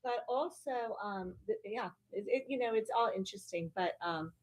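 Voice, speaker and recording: A woman's voice: medium pitch, moderate pace, rough recording. An older woman chatting casually on a podcast, laughing often and telling stories with animation, recorded outdoors at a desert estate. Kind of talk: casual chat.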